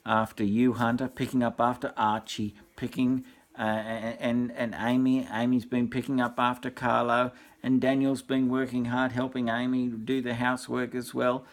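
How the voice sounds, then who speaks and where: At a moderate pace and medium pitch, an Australian man in his sixties or older reads a bedtime story as a grandfather would, loosely and informally. His jokey tangents ramble, and he repeats things with dry, deadpan asides.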